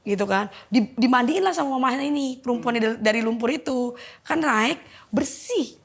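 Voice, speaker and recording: Gravelly, husky woman telling her story. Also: on the high side, fairly quick. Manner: emotional, vivid retelling that acts out quoted dialogue. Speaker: testimony guest. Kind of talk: personal testimony, storytelling.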